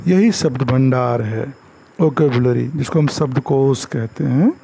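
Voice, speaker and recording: A man teaching basic English grammar in Hindi. He mixes in English phrases and repeats words slowly for emphasis. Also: mid-range voice, vocal fry, mellow, a little hiss or hum, rough recording. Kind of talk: classroom lecture.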